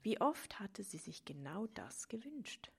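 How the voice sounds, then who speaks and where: A woman narrating a story, often dropping into a soft whisper. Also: medium pitch, sing-song, measured pace, creaky, slightly rough. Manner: soft, partly whispered delivery.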